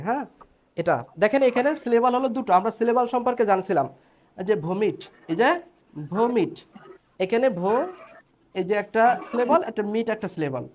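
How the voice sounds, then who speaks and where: A man's voice: high voice, lively intonation, a little fast. Male teacher, patient step-by-step explainer, faint noise behind. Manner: explains step by step, checks in with students. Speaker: English teacher. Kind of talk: online class lecture.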